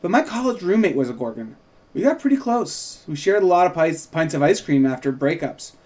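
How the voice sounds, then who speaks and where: Reading a script, a man takes the part of a self-assured female reporter, keeping his voice fairly high with big pitch swings and a darkish tone. He talks a little fast in a casual, probing way, like he's questioning someone reluctant to open up.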